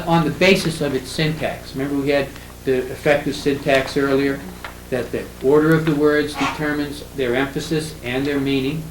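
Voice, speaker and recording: An older man giving a classroom lecture on poetry, halting with fillers and restarts, reading verse lines slowly with heavy stress. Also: mid-range voice. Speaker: literature professor. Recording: echoey room with faint ambient noise.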